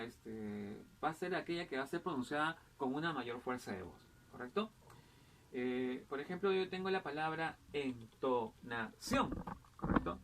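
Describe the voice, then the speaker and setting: A male teacher giving a grammar lesson and addressing the student directly. He keeps checking in with "¿correcto?" and "¿no?" and fills pauses with "eh" and "este". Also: a little high, fairly bright tone. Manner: keeps asking "¿correcto?" and "¿no?", many "eh" and "este" fillers.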